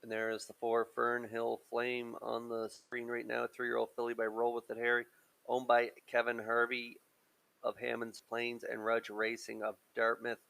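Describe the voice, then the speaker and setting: A man's voice: medium pitch, completely flat delivery, moderate pace, creaky, a bit bright. A man giving informal, analytical race preview commentary as a handicapper. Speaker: horse racing handicapper and analyst.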